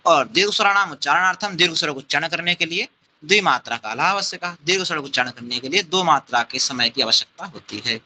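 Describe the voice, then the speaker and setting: A man with a fairly high, very bright voice gives a Sanskrit grammar lesson. He explains one point at a time and repeats each term, then puts quick questions to his listeners. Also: lively intonation, a little hiss or hum, low-quality recording. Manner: explains step by step, repeats terms, asks the class questions. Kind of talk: classroom lecture.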